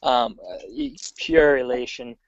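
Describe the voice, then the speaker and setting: A man chatting casually as a guest, an excitable fan who rambles and restarts often, heard over a dull remote call. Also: medium pitch, measured pace, creaky, no echo. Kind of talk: casual sports chat.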